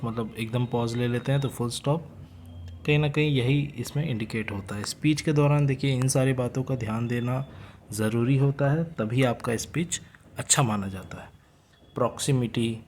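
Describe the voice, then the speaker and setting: A young man talks through study notes for an exam, explaining each point in an easygoing classroom manner. His voice sits in the middle of the range, and he slows down noticeably whenever he reads a line of English aloud before putting it in his own words. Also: medium pitch, a little mellow, a little hiss or hum. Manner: reads English lines slowly, explains conversationally. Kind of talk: casual lecture mixing Hindi with read-out English.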